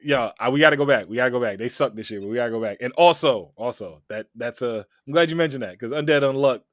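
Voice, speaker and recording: A man's voice: medium pitch, fast, a bit bright, dry recording, studio quality. A young man, co-hosting a casual podcast chat. He sounds laid-back and teasing and laughs a lot. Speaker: podcast co-host.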